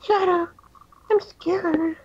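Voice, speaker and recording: A man voicing a frightened young female pink hedgehog, high and pleading in a fan-fiction reading. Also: steady tone, drawn-out words, lo-fi sound, slight background noise, exaggerated voice. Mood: scared. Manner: breathless, pleading, high-pitched.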